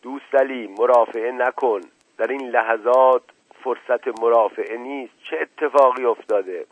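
A man voicing a proud, ailing older patriarch who speaks slowly and commandingly, on a tinny, dry radio recording. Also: medium pitch, fairly even intonation, no room sound, close to an everyday voice. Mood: stern. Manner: slow, commanding.

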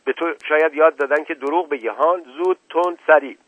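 A man's voice: a little high, dry recording, voice pushed up, close to an everyday voice. A man playing a barking, suspicious police inspector. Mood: accusing. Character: bossy shouting male police inspector. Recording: dull lo-fi recording.

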